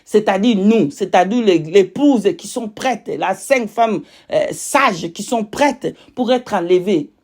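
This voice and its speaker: A woman with a medium-pitched voice delivers a religious testimony in French with a foreign accent, as a non-native speaker. She preaches emphatically, repeating key phrases for weight. Now and then she pauses to search for the right word. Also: animated, a little mellow. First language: not French. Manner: emphatic, repetitive, pausing to search for words. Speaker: religious witness giving testimony.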